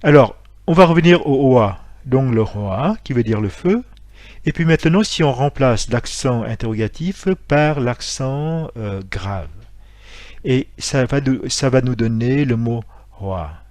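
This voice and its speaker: A man teaching a lesson, explaining with frequent pauses and self-corrections. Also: mid-range voice, lively intonation, a little mellow, no echo. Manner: hesitant, many fillers and self-corrections; explanatory, spells out letters and sounds. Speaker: martial arts instructor.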